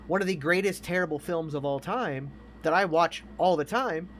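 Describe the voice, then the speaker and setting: An American man in his thirties, a podcast co-host, chats casually and emphatically about films, swearing plenty. His voice is a little high and his speed normal, with slight background noise.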